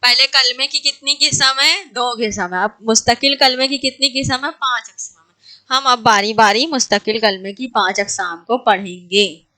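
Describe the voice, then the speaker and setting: A woman's voice: on the high side, normal speed, bright, forceful tone. A woman teaching an online class, asking her students questions and then answering them herself. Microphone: online class audio.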